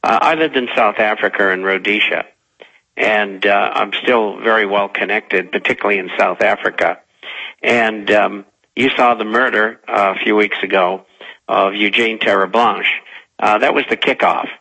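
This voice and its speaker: An older man from Massachusetts giving political commentary as a talk radio guest, halting and grave, with a raspy voice. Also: lowish voice, steady tone, bright, forceful tone, rough recording. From Massachusetts, United States.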